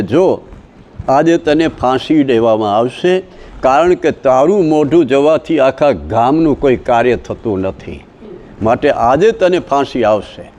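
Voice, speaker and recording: A man with a Saurashtra Gujarati accent delivers a devotional sermon slowly, in a mellow, unhurried voice. His telling swings between loud, dramatic exclamations and soft asides. A faint hum of noise and passing vehicles sits behind him. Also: mid-range voice. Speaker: devotional storyteller. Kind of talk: religious discourse with chanting. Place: outdoor village satsang gathering.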